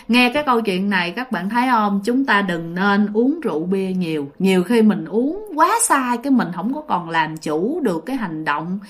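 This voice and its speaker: A woman who tells ghost stories in a chatty, casual way and talks straight to her listeners. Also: mid-range voice. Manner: chatty, addresses listeners directly, many fillers. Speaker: ghost story narrator. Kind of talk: casual storytelling.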